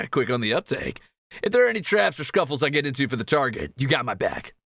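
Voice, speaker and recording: Playful and resolved, a cocky young fantasy thief voiced by a man jokes and exclaims readily, moving animatedly from boasting to nerves in heavily acted audio-roleplay style. His bright, raised voice sits at medium pitch with some creak at the edges. The recording is close and dry, with no echo.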